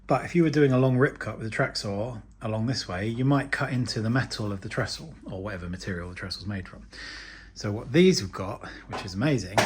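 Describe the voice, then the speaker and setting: A man's voice: lowish voice, brisk, slight background noise. A man talking casually to camera as a DIY vlogger, chatty and self-deprecating.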